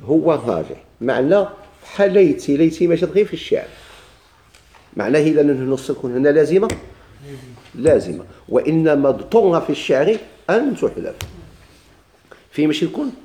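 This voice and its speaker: Moroccan man teaching grammar, mellow voice. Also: fairly high pitch, sing-song, fairly quick, long pauses. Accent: Moroccan Arabic. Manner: asks questions and answers them himself, repeats key points. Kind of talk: classroom lesson.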